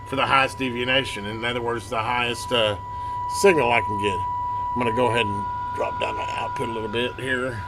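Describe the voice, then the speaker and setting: The host of a hobby electronics repair channel speaks with a medium-pitched, fairly even voice, a little on the fast side. He works through a casual hands-on demonstration, explaining each step informally, with clear background noise in the recording.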